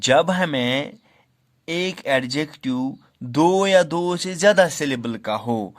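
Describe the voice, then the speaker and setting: Slow, deliberate male teacher. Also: on the high side, animated. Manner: reads English rules slowly, then explains in Hindi. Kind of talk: classroom grammar lesson.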